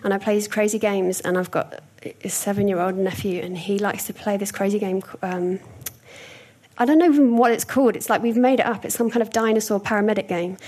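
Young adult woman giving a sermon, slightly husky, easygoing and chatty. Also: medium pitch, brisk. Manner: conversational, warm storytelling with hesitations. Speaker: preacher.

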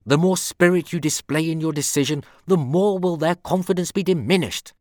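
A man's voice: a little high, moderate pace, darkish tone, no echo, studio quality, voice pushed up, natural voice. A man reading aloud as a stern Roman senator, declaiming a speech against traitors with grave, sweeping rhetorical emphasis.

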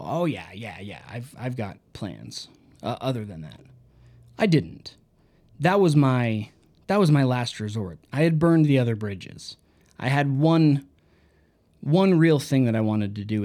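A man's voice: mid-range voice, a little mellow. A man talking through a book in a casual, reflective review, reading out quotes and mixing in personal stories.

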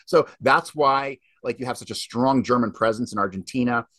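A man speaks as a podcast guest in a loose, emphatic ramble, swearing freely as he piles on details. His voice sits at an ordinary middle pitch. The sound is dry and close with no room around it. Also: sharp tone, no room sound. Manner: emphatic, swears often, fast rambling delivery. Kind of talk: casual interview talk.

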